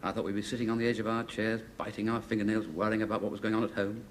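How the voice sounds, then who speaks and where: An actor playing a cheerful, excitable husband, chatty and quickly flustered, in 1970s sitcom style. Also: male voice, lowish voice, a little hiss or hum, close to an everyday voice. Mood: relaxed.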